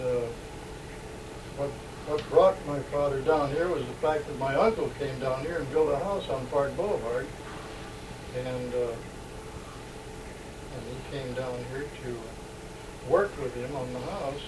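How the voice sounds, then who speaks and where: An American man in his late sixties reminiscing haltingly in an interview, recorded on old worn tape in a home. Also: mid-range voice. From San Diego, California. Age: late 60s. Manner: halting, pauses mid-phrase. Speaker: oral history interviewee. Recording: old worn tape, loud noise, roomy, distant mic.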